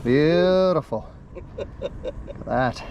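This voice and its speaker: An Australian man chatting casually and excitedly while fishing, with a blokey, sweary tradesman's way of talking. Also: a little high, drawn-out words, lo-fi sound, slight background noise. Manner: rough-and-ready Aussie tradesman talk, blokey and sweary. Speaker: fishing vlog host. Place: outdoors on a boat at sea.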